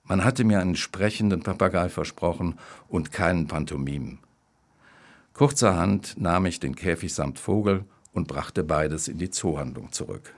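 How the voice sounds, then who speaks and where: Deep-voiced man reading a story. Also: moderate pace. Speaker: narrator. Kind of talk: scripted narration.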